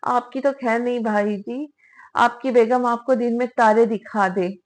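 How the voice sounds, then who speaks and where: A woman's voice: on the high side, steady tone, measured pace, natural voice. A woman reading the lines of a light, playful young sister-in-law in a romance audiobook.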